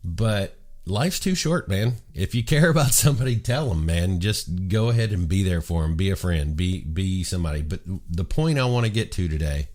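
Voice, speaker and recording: Deep-voiced middle-aged man, earnest rambling. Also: animated, moderate pace, hardly any pauses, darkish tone. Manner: rambling, earnest, frequent restarts. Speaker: show host. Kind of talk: casual heartfelt monologue.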